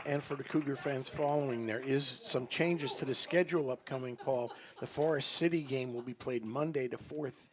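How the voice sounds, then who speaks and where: A man adds color commentary during a softball game in a mid-pitched, everyday voice. He explains stats and news in a chatty, easygoing way. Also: normal speed, few pauses, background noise.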